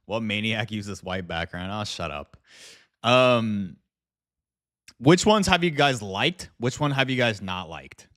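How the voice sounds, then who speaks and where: A man's voice: lowish voice, expressive, takes it slowly, a bit bright. A man livestreaming in a casual chat with viewers, speaking informally with slang and some swearing. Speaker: live streamer and video creator.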